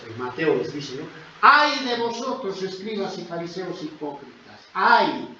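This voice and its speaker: A man preaching a sermon in a church, emphatic and dramatic, dropping to soft asides and rising to loud exclamations. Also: on the high side. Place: church hall. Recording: echoey church, dull lo-fi sound, noisy.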